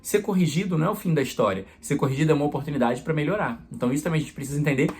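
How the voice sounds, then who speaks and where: Um padre pregando uma homilia em tom de conversa, com exemplos do dia a dia. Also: male voice, on the high side, lively intonation, rapid-fire, darkish tone, slight background noise. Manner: conversational preaching with everyday examples. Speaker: priest.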